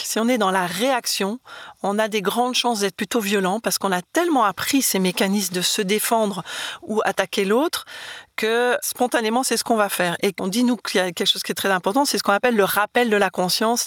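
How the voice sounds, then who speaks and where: A woman's voice: mid-range voice, no room sound, clean studio sound. A middle-aged woman answering interview questions in a storytelling way, with many small fillers. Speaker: guest, nonviolence trainer.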